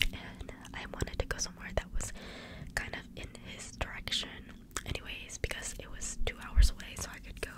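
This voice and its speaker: A young adult speaks in a soft, breathy ASMR whisper, rambling casually through everyday stories and drifting into tangents. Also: low-quality recording. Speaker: ASMR video creator.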